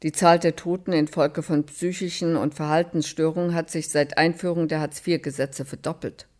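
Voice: mid-range voice, steady tone, normal speed, darkish tone, lightly acted. A reader voicing a blunt, insistent helper who asks short, commanding questions. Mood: terse. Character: blunt, insistent social helper named Blond.

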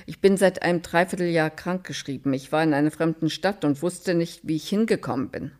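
A reader voicing a withdrawn, despairing woman in a nightgown, spoken quietly and flatly. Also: mid-range voice, brisk, natural voice. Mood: subdued. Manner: quiet, flat, subdued.

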